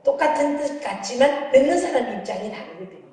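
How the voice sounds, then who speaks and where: A woman's voice: high-pitched, brisk, far from the mic. Middle-aged woman lecturing in an echoey hall. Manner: animated, humorous storytelling that acts out dialogues. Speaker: counseling psychology professor giving a lecture. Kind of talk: lively lecture with acted anecdotes.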